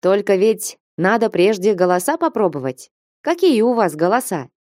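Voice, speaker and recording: A woman voicing a calm, accommodating male church singer in a storybook reading. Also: mid-range voice, moderate pace, no room sound, studio quality, natural voice. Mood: mild.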